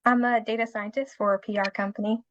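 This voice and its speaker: A woman in her twenties calling into a dating show, giving clear, direct answers. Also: on the high side, level tone, fast, dry recording, muffled recording. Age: 20s. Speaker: caller.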